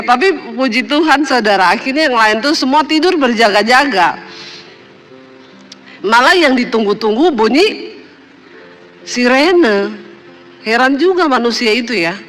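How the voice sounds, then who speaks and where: Bright-voiced woman pastor, animated storytelling. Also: a little high. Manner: animated, acts out quoted voices. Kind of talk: sermon with storytelling.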